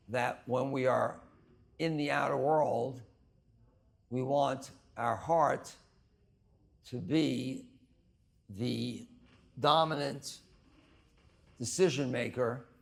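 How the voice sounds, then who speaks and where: Slow-paced male breathwork instructor. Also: medium pitch, gravelly. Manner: measured, short phrases with long pauses. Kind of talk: guided exercise instruction.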